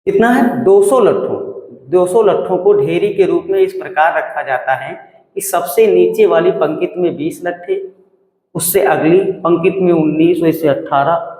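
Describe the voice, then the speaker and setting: A man's voice: on the high side, normal speed, a little mellow. A man teaching a maths lesson, who keeps asking questions and answering them himself and repeats the numbers. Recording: echoey room with long reverb.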